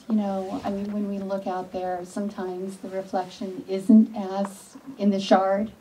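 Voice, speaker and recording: A woman giving an earnest, informal speech to a small gathering, with pauses and restarts. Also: mid-range voice, dark tone, far from the mic, a little hiss or hum, low-quality recording. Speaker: event attendee giving a speech.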